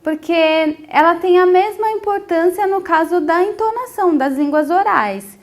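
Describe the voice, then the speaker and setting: A woman teaching a sign language lesson, explaining each point patiently and filling pauses with short hesitations. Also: very high voice, lively intonation. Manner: patient, explanatory, with frequent 'é' fillers.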